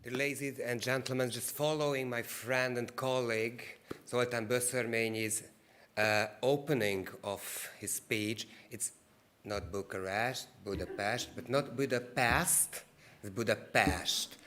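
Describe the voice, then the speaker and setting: A man's voice: medium pitch, steady tone, measured pace, fairly bright tone, slight background noise. A man with a Hungarian accent giving a formal opening speech at a literary congress. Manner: reads a prepared speech steadily, with a few restarts. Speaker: speaker from a cultural agency.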